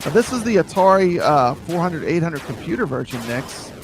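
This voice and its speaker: A man's voice: a little high, big pitch swings, moderate pace, creaky, music in the background. A man hosting a casual live chat, showing retro games with eager, rambling talk. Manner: enthusiastic, rambling, repeats words. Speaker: host reviewing a retro console. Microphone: streaming with camera.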